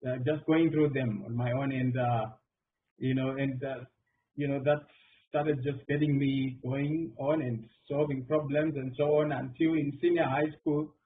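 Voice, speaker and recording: Over an online call that sounds phone-like and carries faint noise, a middle-aged man from Zimbabwe gives a panel answer at a round table. He is a mathematician, medium in pitch and steady in tone, talking at a measured pace with plenty of fillers and restarts. The mic is distant.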